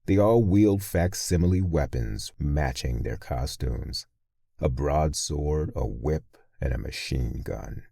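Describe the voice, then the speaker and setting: A man's voice: very deep voice, animated, slow pace, creaky, warm tone, slightly rough, no room sound, studio quality. A man narrating a first-person horror story in a brooding, menacing way.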